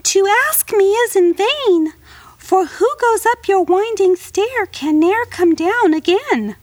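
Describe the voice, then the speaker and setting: A woman voicing a small, timid female fly in a storybook reading, with a high, crying, pleading manner. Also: expressive, slow, no room sound, heavily acted.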